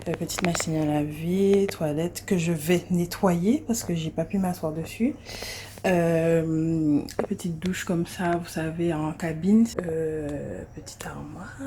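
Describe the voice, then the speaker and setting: A young woman talks casually to her phone camera as she walks through a small apartment. Her voice sits low and mellow, and she chats along with plenty of pauses and repeated words. A faint hum of room noise stays underneath. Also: steady tone. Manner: chatty, frequent hesitations and repeats. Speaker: vlogger. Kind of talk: casual self-filmed vlog chat.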